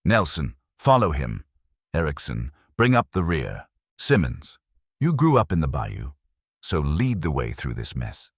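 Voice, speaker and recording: A man voicing a firm army lieutenant giving orders to his men, in a dark fantasy audio story. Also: extremely low pitch, wildly swooping pitch, unhurried, breathy edge, no room sound, studio quality, full character voice.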